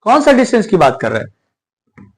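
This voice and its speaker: A man with a high voice teaches a maths class. His pitch rises and falls a lot as he explains. He keeps checking whether his students follow him. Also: huge pitch swings, normal speed, low-quality recording. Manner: explains step by step, asks the class questions. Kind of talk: whiteboard maths lesson.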